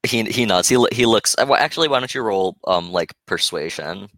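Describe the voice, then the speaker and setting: A deep-voiced man runs a tabletop game, describing scenes in loose, rambling narration full of fillers and restarts. The recording is close and dry, with no room sound. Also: lively intonation, a little fast, a bit bright, no echo. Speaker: game master.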